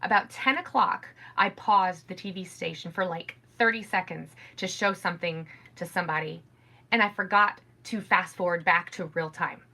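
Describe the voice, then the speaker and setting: A middle-aged woman hosting a casual podcast from home, telling stories in a rambling, animated way. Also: on the low side, moderate pace. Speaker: podcast host. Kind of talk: casual chat.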